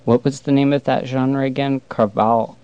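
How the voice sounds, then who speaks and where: Mellow-voiced male radio host. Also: mid-range voice, clear, resonant tone, highs cut off. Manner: relaxed, conversational, a little halting. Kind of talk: college radio announcing and interviewing. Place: radio studio. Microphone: studio microphone.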